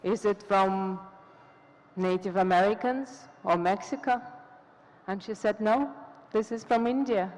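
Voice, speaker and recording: A woman's voice: mid-range voice, measured pace, darkish tone. A woman from Kazakhstan telling a personal story on a conference panel, reflective and hesitant. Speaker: panel speaker. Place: conference hall stage. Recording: long reverb of a large hall.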